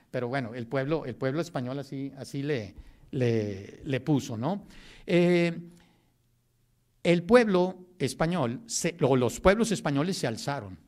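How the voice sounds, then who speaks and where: A man giving a history lecture in a classroom, talking in a loose, joking way and often checking in with his students. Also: medium pitch.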